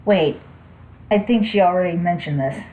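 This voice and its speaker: A woman reading her own fan fiction aloud, halting and often correcting herself between lines. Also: on the low side, phone-quality sound, a little hiss or hum. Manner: halting, self-correcting, with asides. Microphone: computer mic.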